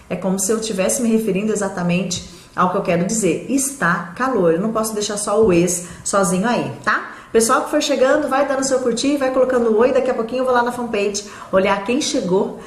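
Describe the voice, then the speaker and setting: A woman's voice: on the high side, echoey room. A Brazilian woman with an interior São Paulo accent, teaching a live online English lesson in a patient, explanatory way and checking in often with her viewers. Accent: São Paulo interior Brazilian Portuguese.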